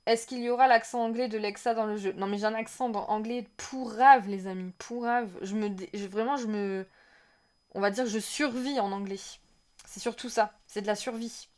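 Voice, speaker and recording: Excitable French woman reacting live. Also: a little high, normal speed. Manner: chatty, excitable, reads chat aloud. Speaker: streamer reacting to a game trailer. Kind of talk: casual live-stream reaction.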